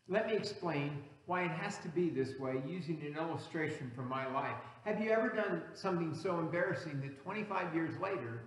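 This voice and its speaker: Man, pastor, sermon, second-language english, earnest teaching, raised pitch, long hall reverb. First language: not English. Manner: earnest, teaching, building emphasis on key words. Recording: echoey hall, reverberant room.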